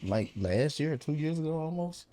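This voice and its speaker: A man on a talk show panel who talks quickly and laughs often. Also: a little high, animated, mellow. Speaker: panel guest. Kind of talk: casual panel chat.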